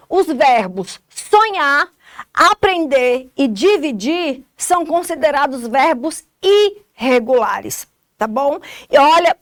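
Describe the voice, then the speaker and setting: A woman teacher with a Brazilian Portuguese accent and a high voice walks through a recorded lesson. She explains each point step by step and keeps checking understanding with short tags. The sound is close and dry. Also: fairly bright tone, no room sound. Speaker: English teacher.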